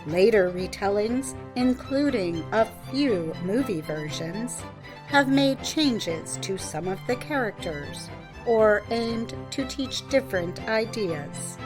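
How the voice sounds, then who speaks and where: A woman host introducing a story in a slow, carefully enunciated scripted delivery. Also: medium pitch, animated. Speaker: program host. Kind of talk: scripted learner-friendly introduction. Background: music.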